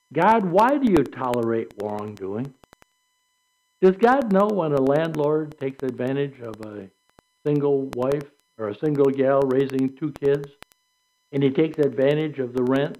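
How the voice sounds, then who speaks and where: A man's voice: medium pitch, warm tone, rough recording. An older man preaching a sermon in a conversational way, asking rhetorical questions. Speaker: pastor.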